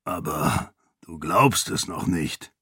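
Man doing a deep raspy old uncle. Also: takes it slowly, a bit bright, no echo, studio quality, exaggerated voice. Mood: knowing. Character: stout shrewd older uncle, wry, deep raspy voice.

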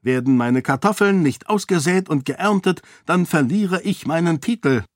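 A man's voice: a little high, animated, moderate pace, no room sound, studio quality, voice pushed up, lightly acted. A man voicing an embittered, defensive lord who snaps and complains. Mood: snappish. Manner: snappish, complaining. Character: embittered, defensive lord anxious about his lands.

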